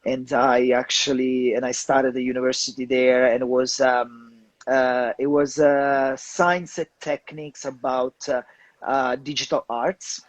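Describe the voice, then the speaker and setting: A young Italian-accented man answers in a relaxed interview, searching for his words with frequent fillers and restarts. His voice sits at a middle pitch, recorded dry and close with little room sound. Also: a little slow, no room sound, rough recording. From southern Italy. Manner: hesitant, many fillers and restarts. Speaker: guest photographer. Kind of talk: casual interview chat.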